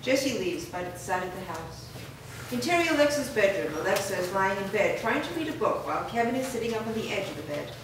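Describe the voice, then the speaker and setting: A woman with a mid-range voice, very animated and brisk, narrates a staged reading by reading the scripted stage directions. It's a live reading in a reverberant room, recorded from a distant microphone with noisy echo.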